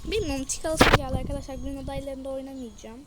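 A young woman hosting a gaming channel gives casual commentary on her gameplay, often sounding exasperated and complaining to viewers. She talks fast in a high, steady voice, with loud game music creating heavy background noise.

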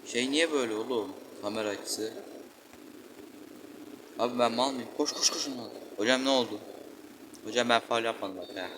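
A man's voice: mid-range voice, noisy background. A man giving casual, slangy commentary on a football video game, grumbling and exclaiming at every play. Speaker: gaming channel host. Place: room indoors, playing a football video game. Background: children shouting outside.

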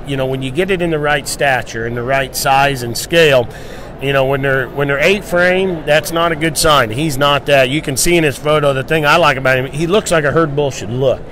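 A middle-aged man hosts a casual promotional talk about livestock at a booth in an indoor convention hall, speaking into a handheld microphone. His voice is mid-range with a fairly bright tone.

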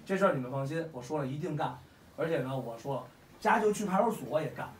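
Profane fast-talking Beijing man. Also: a little high, lively intonation. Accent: Beijing Mandarin. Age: 40s. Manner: blunt, profane and heated. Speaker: fight fan meetup host. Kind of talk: casual talk to a crowd. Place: room with a gathering of fans. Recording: echoey room, mic at a distance.

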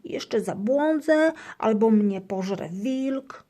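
A timid little storybook hamster grumbles and frets in a squeaky, high voice, as a woman reader puts him on. Words come slowly and a touch breathy. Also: dark tone. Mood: fearful. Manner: fearful, grumbling.

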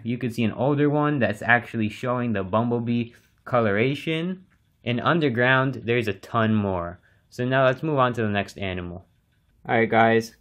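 A young man casually narrating as he feeds his exotic pets, relaxed and chatty with lots of fillers. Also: mid-range voice. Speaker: pet keeper and channel host.

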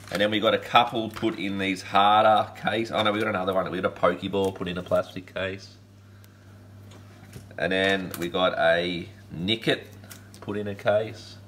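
A man's voice: low voice, a bit bright, slight background noise. A man, hosting a casual unboxing chat, upbeat and rambling with laid-back slang. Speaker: collectibles channel host. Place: indoor room lined with collectible shelves.

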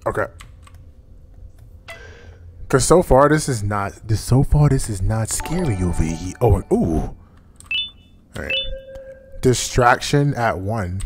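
A man hosting a live gameplay stream, chatting casually and rambling to his viewers while he plays. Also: mid-range voice. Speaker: streamer host.

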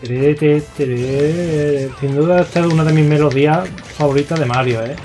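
A young man with a Spain Spanish accent giving excitable, foul-mouthed live gameplay commentary, yelling at his opponents. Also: on the high side, fast. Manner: excitable, swears a lot, yells at opponents. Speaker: gaming YouTuber. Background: faint game music.

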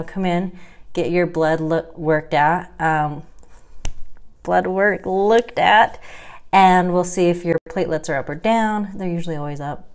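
Speaking in a lowish voice, a chatty woman records a casual talking-head vlog about her health journey indoors in a small room at home. She's wry and self-deprecating and laughs a lot.

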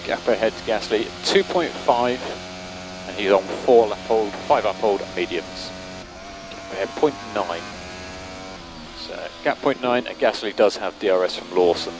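A race engineer talks into a radio headset, passing short, matter-of-fact instructions to the car in a low voice. Vehicle noise is obvious on the channel.

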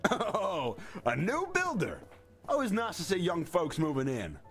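A man's voice: high voice, huge pitch swings, a little slow, fairly bright tone, exaggerated voice. A man voicing a friendly, welcoming older innkeeper in a game. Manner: welcoming, hearty. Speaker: game character. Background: game music.

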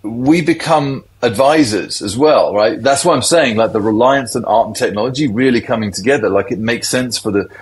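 A man's voice: medium pitch, moderate pace, few pauses, rough recording. A middle-aged man, a tech industry guest, explaining things in a loose, conversational interview.

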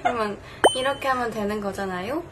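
This is a twenty-something beauty vlogger from Busan, talking makeup casually in her bedroom and laughing frequently. Her voice is on the high side and a little fast, and the clip is very noisy.

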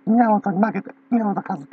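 A woman's voice: medium pitch, moderate pace, slightly rough. A woman with a Kansai accent talking in a rambling casual monologue, laughing often between phrases, on a dull lo-fi recording. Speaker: channel owner.

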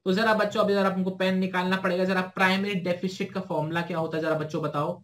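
A young Indian man teaching an exam-prep lesson, explaining briskly, asking himself questions and answering them, and reading the English question text slowly. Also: high voice, flat delivery, a bit bright.

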